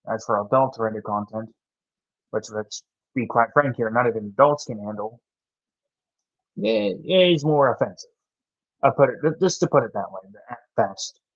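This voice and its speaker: A man's voice: mid-range voice, dry recording. A young man from the American South chatting on his live stream, rambling with many restarts as he reads and answers viewers' chat. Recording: dull dry home mic.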